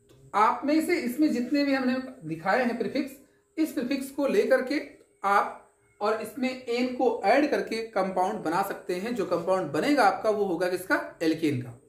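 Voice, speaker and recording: A woman with a fairly high voice gives a chemistry lesson. She explains patiently step by step, poses questions and answers them herself, and keeps checking that everyone follows. The room is echoey. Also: expressive, normal speed. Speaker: chemistry teacher. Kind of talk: classroom lecture.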